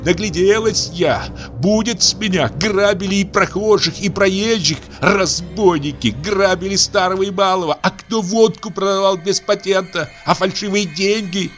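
A man doing a shrill, furious peasant woman. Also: normal speed, hardly any pauses, a bit bright, faint music behind. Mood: shouting. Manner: screaming, sobbing with rage.

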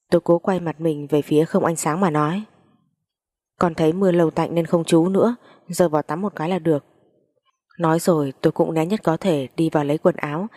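Woman audiobook reader, low and mellow, mournful. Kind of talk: first-person story narration.

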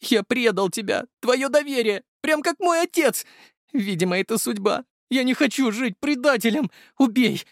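A man's voice: very high voice, animated, normal speed, fairly bright tone, no echo, clean studio sound, pitched above the performer's own voice, full character voice. A man voicing a desperate young man who pleads in tears. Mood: pleading. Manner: pleading, sobbing.

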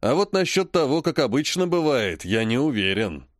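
A man voicing a grumbling old grandfather, the head of a noble clan, who speaks slowly and scolds. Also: medium pitch, sing-song, dry recording, clean studio sound, lightly acted. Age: over 60. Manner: slow, grumpy, scolding.

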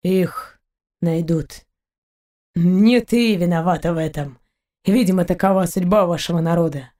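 A woman reading an audiobook and voicing a blunt, weary male space pirate in a slow, heavy, scolding way. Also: lowish voice, warm tone, pitched below the performer's own voice, close to an everyday voice. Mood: grave.

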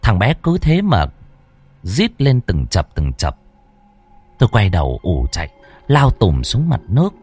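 A man's voice: on the low side, huge pitch swings, unhurried, long pauses, darkish tone, slightly rough, faint music behind. A man narrating a first-person horror story dramatically, acting out the characters' frightened lines. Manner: dramatic, acts out panicked cries and dialogue.

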